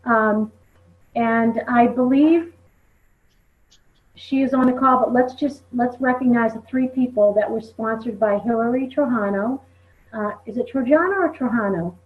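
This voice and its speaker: A woman hosts a group recognition call in a chatty, conversational way, often leaning on "you know" as she goes. Her voice sits a little high, and it comes through a tinny, phone-like line. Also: fairly even intonation, a little slow. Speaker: team leader hosting a recognition call.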